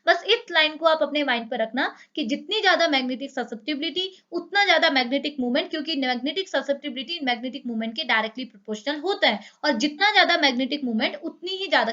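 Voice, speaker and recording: A woman's voice: sits high, lively intonation, fast talker, hardly any pauses, sharp tone, muffled recording. A woman with an Indian accent lecturing on chemistry, explaining step by step and asking many rhetorical questions. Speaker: chemistry teacher.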